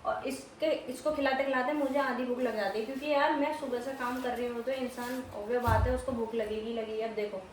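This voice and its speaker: A woman's voice: fairly high pitch, steady tone, fairly quick, few pauses, a little hiss or hum. A young woman from India with a Pahari Hindi accent, vlogging casually at home with a phone camera, chatting and cooing at her toddler.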